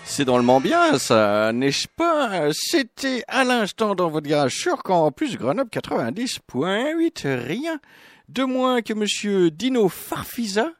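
A man's voice: sits high, huge pitch swings, slow, no room sound, studio quality, soft background music. Chatty joking male radio host. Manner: chatty and joking, with many hesitant fillers. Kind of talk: casual radio presenting. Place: radio studio.

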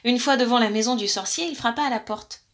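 A woman reading a storybook tale aloud in a lively, playful manner. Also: on the high side, quick pace.

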